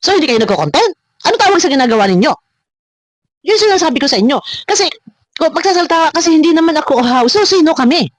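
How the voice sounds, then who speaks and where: Animated and rapid-fire, this high female voice comes through with no room sound. She hosts a reaction video and rants at her critics head-on, leaning on repeated words and rhetorical questions.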